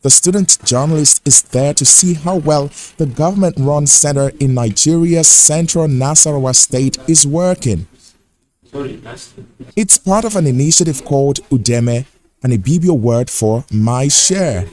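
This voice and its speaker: A male news correspondent narrating a scripted report in a measured, even delivery. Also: on the high side.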